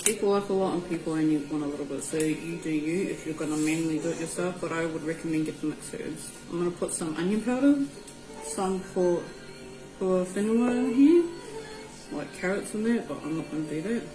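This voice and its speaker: A woman's voice: lowish voice, a little fast. A woman with a New Zealand Māori accent giving an easygoing, informal cooking tutorial, mixing in Māori words. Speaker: home cook presenting a recipe. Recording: roomy echo with music behind. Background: music.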